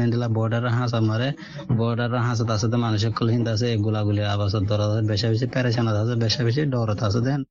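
A Rohingya man from Myanmar with a Rohingya accent gives a halting, repetitive, spontaneous account as an interviewed witness. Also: medium pitch. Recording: dull, lo-fi field interview audio.

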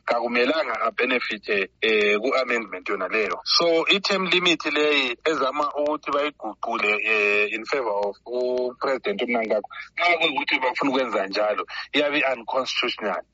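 A man's voice: mid-range voice, animated, moderate pace, bright, forceful tone, no room sound. A man with a Zimbabwean Ndebele accent giving legal commentary as an expert, switching often into English. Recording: dull, lo-fi radio sound.

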